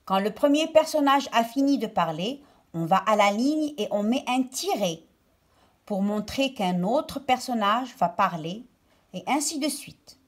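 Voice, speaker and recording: Her voice sits on the high side, animated and unhurried. She's a primary school teacher recording a lesson for children, going step by step in dictation-like phrases and leaning on key words in a didactic way.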